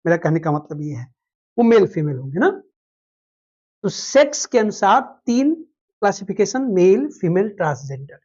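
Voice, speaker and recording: A woman's voice: fairly low pitch, a little mellow, highs cut off. A woman teaching a classroom lecture, explaining step by step, repeating key terms and checking that students follow.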